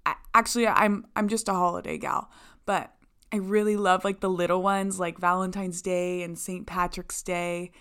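A young woman hosts her podcast solo, bubbly and chatty, full of casual fillers as she talks. Her voice comes through smooth and clear. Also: fairly low pitch, fairly even intonation, normal speed, a bit bright. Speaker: podcast host.

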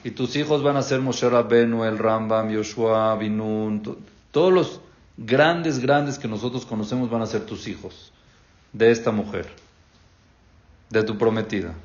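A man's voice: on the low side, measured pace. A man, a rabbi teaching an interactive Torah class, who questions his students and acts out the figures' words. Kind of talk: interactive religious lesson. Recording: dull lo-fi recording.

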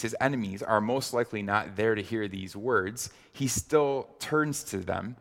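A man preaching a sermon on a psalm in a slow, deliberate way, with frequent fillers and repeated phrases. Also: medium pitch, long reverb tail.

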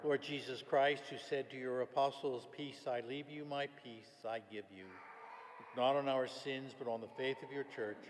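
Male priest, solemn measured prayer, cathedral echo, long church reverb, light background hiss. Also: medium pitch, fairly even intonation. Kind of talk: liturgical prayer at Mass. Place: large church. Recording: long church reverb, faint room noise.

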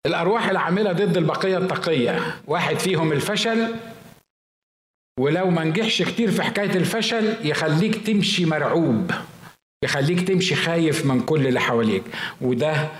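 A man with an Egyptian Arabic accent preaching a sermon as pastor, animated and acting out the voices of fearful people. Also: fairly high pitch, fairly quick. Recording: echoey hall.

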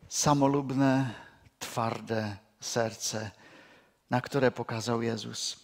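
Slow, measured male preacher. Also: mid-range voice. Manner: slow, measured delivery with pauses. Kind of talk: sermon.

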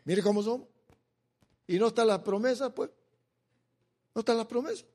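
A male preacher giving an impassioned sermon, swinging between loud pleading and quiet asides, often calling listeners to look. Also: very high voice, normal speed. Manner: repeats "mire" to address listeners.

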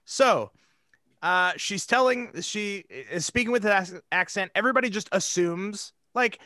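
A man's voice: sits high, unhurried, bright, forceful tone, no echo. A man casually chatting as a podcast co-host, rambling with lots of fillers and laughing easily. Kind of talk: casual chat.

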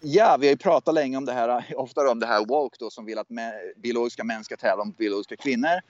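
A man's voice: mid-range voice, no room sound. Swedish man talking in a dull, dry recording. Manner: hesitant, repeats and restarts words. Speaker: USA correspondent. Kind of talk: casual political chat. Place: southwestern USA.

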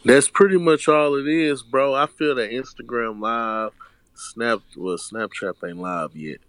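A man's voice: mid-range voice, measured pace, fairly bright tone, no room sound. A man in his thirties from Houston with a Southern drawl, talking loosely and slangily as a guest rapper in an interview. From Houston, Texas. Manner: laid-back, slangy, rambling with restarts. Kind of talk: casual interview chat.

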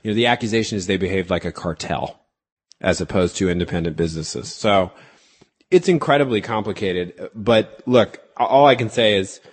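A man with a deep, low voice talks as a guest novelist in a relaxed interview. He tells stories in an animated way and drops wry asides as he goes. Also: normal speed, breathy edge. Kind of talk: casual interview chat.

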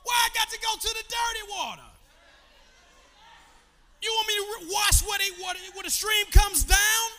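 A man voicing a proud, indignant male warrior who shouts and complains mockingly in a sermon retelling. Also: extremely high pitch, sing-song, moderate pace, pauses often, long reverb tail, voice pushed up, heavily acted.

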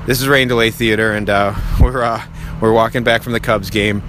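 A man co-hosting a casual sports podcast with wry, resigned griping, recorded in low quality while walking outdoors by traffic. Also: steady tone, brisk. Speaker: podcast co-host. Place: outdoors walking along a busy city street at night. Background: passing traffic.

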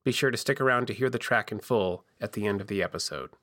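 A man's voice: on the low side, fast talker, a bit bright, clean studio sound. Man narrating a podcast, with basement echo. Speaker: podcast host. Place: home basement with a makeshift foam vocal booth. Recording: roomy basement echo in makeshift booth.

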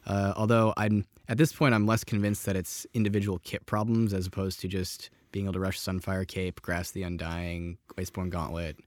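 Man, low voice, earnest explainer in a casual panel, dry close sound. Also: little pitch movement, normal speed, hardly any pauses, no echo. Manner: earnest, explains at length with restarts. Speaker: game designer.

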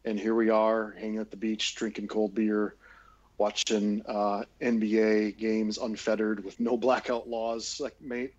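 A man's voice: on the low side, level tone, a little slow, darkish tone. A man co-hosting a podcast, chatting casually in a loose, rambling way with the odd swear word. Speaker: podcast co-host. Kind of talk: casual chat. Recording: dull lo-fi sound.

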